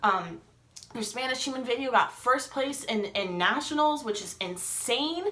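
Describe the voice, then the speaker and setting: A woman's voice: a little high, animated, measured pace, pushed and bright. Young woman vlogger, chatty storyteller full of fillers, recorded in a roomy, echoey space. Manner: chatty, many fillers, acts out quoted dialogue. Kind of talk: casual storytelling. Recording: echoey room.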